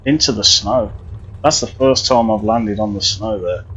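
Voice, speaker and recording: A man's voice: fairly low pitch, moderate pace, pushed and bright, muffled recording, slight background noise. A man chatting casually and rambling through live flight sim commentary, often restarting his sentences. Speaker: streamer.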